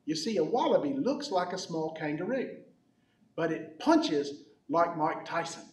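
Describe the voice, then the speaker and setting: A man playing a goofy, bumbling croc-hunting adventurer for a kids' comedy skit, rambling with deadpan jokes. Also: a little high, measured pace. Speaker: children's ministry skit character. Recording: echoey hall from far off.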